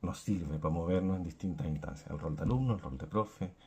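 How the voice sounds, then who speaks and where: A man giving a clinical psychology lecture, explaining with everyday examples and quick acted asides. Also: sits low, darkish tone, slightly rough.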